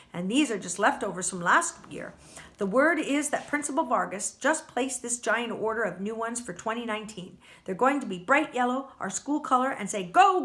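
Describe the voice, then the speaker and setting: A woman reading a novel aloud for a book club, expressive and stumbling now and then over words. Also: a little high.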